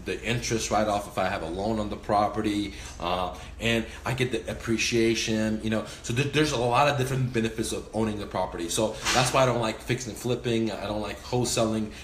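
The voice is on the low side, steady and brisk with few pauses. A forty-something real estate investor gestures as he delivers a casual, emphatic, profane instructional talk to camera indoors by a window in a small room. The audio is reverberant with a little hiss or hum.

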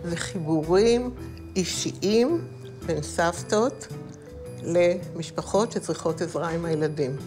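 A woman answering questions in a casual interview. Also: on the low side. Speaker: interviewed founder of a grandmother service. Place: living room, indoors. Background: music.

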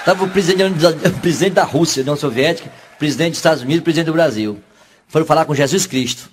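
A man rattles off jokes in a fairly high voice. He chuckles between punchlines and jumps into squeaky voices for his characters, which keeps the telling lively. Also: fast talker, slight background noise. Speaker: comedian. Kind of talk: joke telling.

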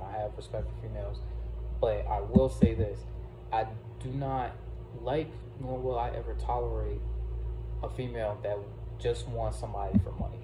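A man's voice: mid-range voice, noisy background. A man in his twenties giving casual, opinionated, slangy reaction commentary into a phone at home. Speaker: reaction video creator. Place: small room at home. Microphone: phone at arm's length. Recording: roomy phone recording, music behind.

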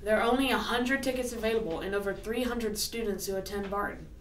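A woman's voice: medium pitch, quick pace. A woman co-hosting school morning announcements over an intercom, reading earnestly with occasional stumbles. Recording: echoey and distant with faint noise.

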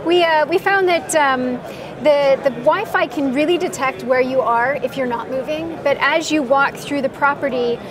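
A middle-aged woman with a fairly high voice explains her work in a measured, steady way, pausing on ums between points. She sits in a trade show booth, and the busy hall's crowd chatter carries behind her. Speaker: mall IT director, guest. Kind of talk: conversational interview.

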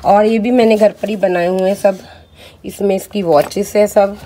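Medium in pitch with a dark tone, her speech moves at a moderate pace with fairly even intonation, and a little hiss or hum sits underneath. She's a vlogger and mother in her thirties, sore-throated, filming her kitchen and rooms on a handheld phone. Her narration is chatty, aimed at viewers she treats as friends.

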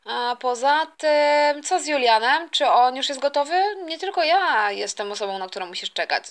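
An easygoing father who talks slowly and calmly, never in a rush, as a woman voices him in a game role-play. Her voice stays high even as the dad. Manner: calm, unhurried. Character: laid-back easygoing father.

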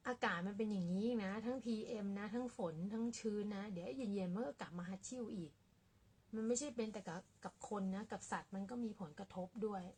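A woman vlogging casually about her cats in a small apartment room, talking softly and quietly in a relaxed, rambling way. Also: mid-range voice, brisk, slightly rough. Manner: speaks softly and quietly to avoid disturbing neighbours; rambling and relaxed with many fillers. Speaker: cat owner vlogger. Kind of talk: casual chat to camera.

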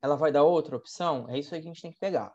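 A man's voice: rapid-fire, darkish tone. A Brazilian Portuguese-accented man teaching English test strategies in a chatty, explanatory live online lesson. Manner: chatty, explanatory, frequent "né?" tags. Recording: muffled low-fidelity webinar audio.

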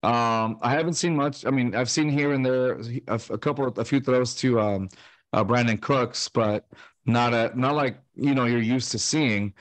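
His medium-pitched voice moves at normal speed and carries no room sound. He's a man in his thirties co-hosting a casual sports fan podcast over video call from home, on a stand-mounted studio mic and headset, talking loosely with lots of fillers and false starts.

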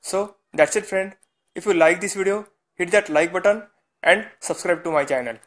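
Tech tutorial host: man, slightly high voice, clipped step-by-step delivery. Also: normal speed, a bit bright. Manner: short step-by-step instructions. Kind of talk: phone tutorial voice-over.

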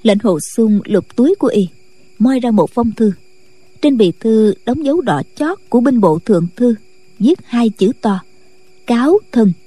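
A woman narrating a martial-arts novel in a steady, scripted late-night storytelling style. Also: on the high side, moderate pace, slightly rough, no echo. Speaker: audiobook narrator.

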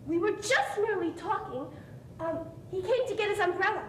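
A woman's voice: expressive, normal speed. A woman in an amateur stage play acting an earnest, proud, easily flustered young woman in love. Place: theatre stage, indoors. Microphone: far camera. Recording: noisy, rumbling, echoey distant stage recording.

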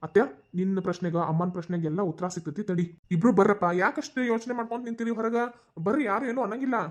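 A woman's voice: mid-range voice, fairly even intonation, very fast, a little mellow, close to an everyday voice. A woman voicing a caring young man who reassures his aunt, in a Dharwad Kannada accent. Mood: reassuring. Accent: North Karnataka Dharwad Kannada. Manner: reassuring, persuasive. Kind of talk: cartoon voice acting.

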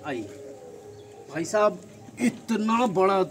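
A man's voice: high voice, very animated, slow, a bit bright. A man in his thirties with a Kolkata Hindi accent, giving a casual outdoor tour of his goat farm and talking straight to viewers as "brother", recorded on a phone. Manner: chatty, addresses viewers as brother, frequent tag questions. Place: outdoor farmyard with goats.

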